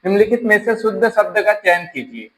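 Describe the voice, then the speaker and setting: A man's voice: high voice, big pitch swings, fairly quick, fairly bright tone, slight background noise, low-quality recording. A man with a Rajasthani accent teaching an exam-prep grammar lesson, explaining step by step and asking and answering his own questions.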